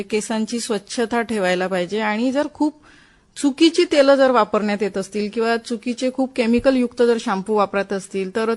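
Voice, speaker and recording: A woman, a doctor giving explanatory, instructive advice on a phone-in. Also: on the high side. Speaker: Ayurvedic doctor, studio guest.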